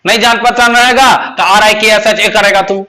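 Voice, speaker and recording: High, bright-voiced man teaching a class. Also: steady tone. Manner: quizzes the class with rapid questions and repetition. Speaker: English teacher. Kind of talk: classroom lecture.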